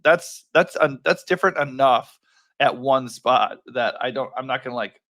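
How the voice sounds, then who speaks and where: A fantasy sports analyst hosts a casual solo rundown of his picks, rambling in a relaxed way and correcting himself with plenty of ums. His voice is worn and rough, mid-range, at a normal speed.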